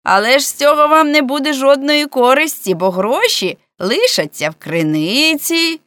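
A woman putting on a skinny, frightened young policeman from a storybook, whose voice rides high and thin. He whines, pleads and haggles in a squeaky tone. The sound is dry and close. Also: animated, measured pace, a bit bright, no room sound. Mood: defiant.

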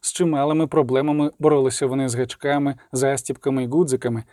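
A man narrating an audiobook in a steady, measured storytelling voice. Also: medium pitch, no room sound, studio quality. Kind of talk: scripted narration.

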